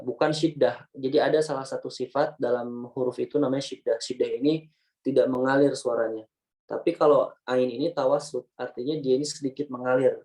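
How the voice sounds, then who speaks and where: A man teaching Quran recitation rules with an Indonesian accent, explaining step by step and slowly demonstrating example words. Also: medium pitch, a little mellow, rough recording. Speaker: tajwid teacher.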